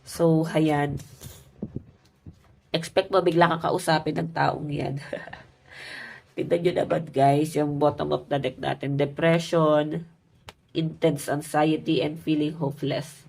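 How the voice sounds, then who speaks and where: A woman's voice: sits low, level tone, slow pace, vocal fry, long pauses, a little mellow. A woman giving a casual love tarot reading, chatty and talking straight to her viewers, her voice stuffy and nasal from a cold. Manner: chatty, addresses viewers as guys. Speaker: tarot reader.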